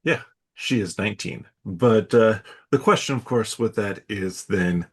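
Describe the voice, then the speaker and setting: A man's voice: fairly low pitch, unhurried, breathy edge. A young man co-hosting a podcast, chatting casually with a wry, dry sense of humor and frequent laughter. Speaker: podcast co-host.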